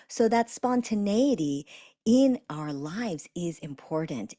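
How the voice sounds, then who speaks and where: A woman coaching listeners on a spiritual journey in a self-help teaching talk, expressive and softening to guide slow breathing. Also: lowish voice, no room sound, clean studio sound. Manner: expressive, acts out little quoted voices; slows and softens when guiding breathing.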